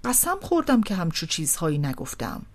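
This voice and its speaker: A woman's voice: lowish voice, wildly swooping pitch. A woman reading an audiobook voices an offended young man who protests earnestly and defensively. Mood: wounded. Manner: earnest, pleading.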